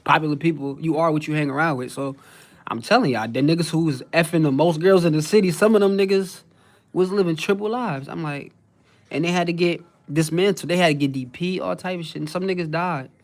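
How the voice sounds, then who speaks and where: A man's voice: on the high side, fairly quick. A young man, talking casually to his livestream chat. He brags in heavy street slang, swears freely and reads out viewers' messages as he goes. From New Jersey. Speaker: livestream host.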